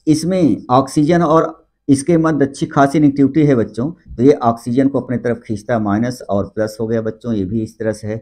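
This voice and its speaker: A man's voice: medium pitch, warm tone. A man teaching a chemistry class in Hindi with English terms mixed in, often addressing the students as children and answering his own questions. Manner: keeps calling the students "बच्चों"; repeats key terms with rising and falling emphasis. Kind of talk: classroom lecture.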